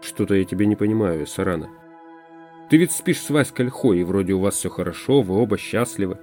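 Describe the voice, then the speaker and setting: Audiobook: reader plays a curt modern man, sarcastic, quick to anger. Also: deep voice, expressive, darkish tone, faint music behind. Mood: weary. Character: irritable modern male journalist.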